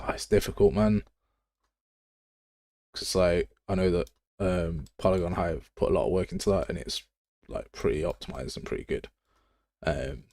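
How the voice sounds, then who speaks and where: A very deep-voiced man with an English Midlands accent thinks aloud through a live game development tutorial, chatting in a casual, blunt way. His tone is a little mellow, and the recording is dry.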